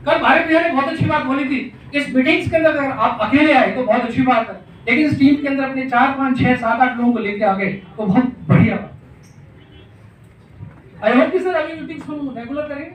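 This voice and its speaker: Emphatic middle-aged male mentor, high-pitched, recorded in a roomy space with faint background noise. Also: fairly quick. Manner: emphatic, repetitive, asks rhetorical questions. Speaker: business mentor addressing a team meeting. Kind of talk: motivational talk. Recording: echoey room, mic far off, faint noise.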